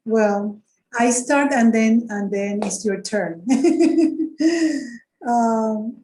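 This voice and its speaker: A woman from Rico, a guest in a conversation on a video call, speaking thoughtfully and hesitantly with soft laughs. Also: on the high side, animated, very slow, slight background noise, poor audio. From Puerto Rico. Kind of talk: conversational interview.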